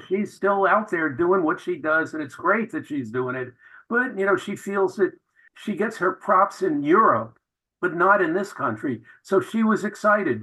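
A man's voice: sits high, pushed and bright, rough recording. A man, a film director, answering radio interview questions with enthusiastic, anecdotal storytelling.

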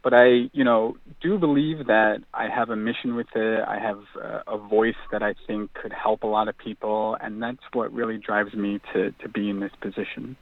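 A young adult man, an author and mental health advocate, calls in to a radio interview and speaks earnestly and reflectively, with frequent fillers. His voice is on the low side and flat, at a normal speed, with hardly any pauses. The phone line sounds tinny and dry, with no room sound.

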